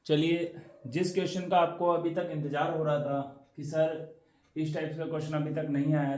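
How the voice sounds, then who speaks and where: A man's voice: on the high side, dark tone. A man teaching a casual science lesson for exam prep, chatty and repeating questions back to the students. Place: room, standing at a board. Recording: very echoey room.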